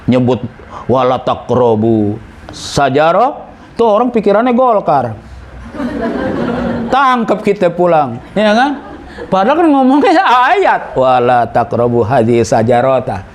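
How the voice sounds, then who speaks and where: Joking older preacher. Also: male voice, sits high. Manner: joking, lively, acts out dialogue. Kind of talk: humorous sermon storytelling. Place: mosque gathering.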